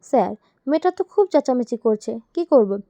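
A woman voicing a weary, irritated male police constable in a storybook reading, in a lowered, grudging tone. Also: normal speed, darkish tone, no room sound, natural voice. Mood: exasperated. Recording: dull lo-fi, dry.

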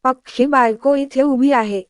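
A sharp-tongued young daughter-in-law who needles her husband, as a woman storyteller puts her on. Her voice is high, clear and dry. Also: steady tone, measured pace, dry recording. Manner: teasing, tart.

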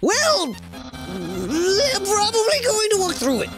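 A woman voicing a boastful, excitable male skeleton who dreams of joining the guard, reading his lines theatrically. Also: very high-pitched, slow pace, voice pushed up, full character voice. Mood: deflated. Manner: theatrical, proclaiming reads of game dialogue. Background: game music.

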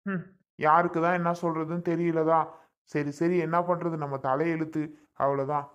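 A woman's voice: sits low, little pitch movement, moderate pace, smooth, lo-fi sound, lightly acted. A woman playing an older female relative, comforting and firmly advising in a family comedy skit. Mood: consoling. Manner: consoling, firm. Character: older female relative, consoling but firm.

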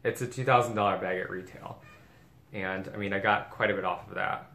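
A man's voice: low-pitched, fairly even intonation, brisk, sharp tone. A man chatting casually as a vlogger, gushing and chatty as he shows off bags. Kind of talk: casual unboxing chat. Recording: echoey room with faint background noise.

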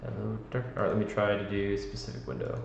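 Man, low gravelly voice, heavy cave echo, dull lo-fi mic. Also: fairly even intonation, fast talker, music in the background. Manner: muttering to himself while troubleshooting. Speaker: streamer setting up a livestream. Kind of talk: casual chat while fiddling with stream settings. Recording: cavernous echoey dull lo-fi mic, faint background noise.

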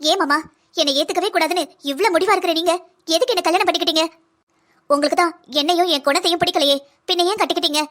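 A young adult woman with a very high voice, speaking at a racing pace, voices a patient, hurt pregnant wife in a cartoon drama. She speaks earnestly, with soft, earnest pleading.

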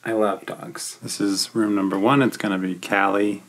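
A woman's voice: a bass voice, fairly even intonation, moderate pace. A woman narrating a casual road-trip vlog with chatty, wry asides. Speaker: vlogger.

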